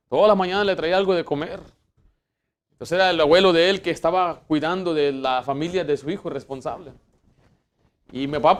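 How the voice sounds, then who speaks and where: A man delivers a church sermon with a voice that sits a little high. He hammers his points emphatically, then sinks into hushed asides, often restarting his sentences as he goes. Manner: emphatic preaching, rising for Bible quotes and dropping to hushed asides; fillers and restarts. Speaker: pastor.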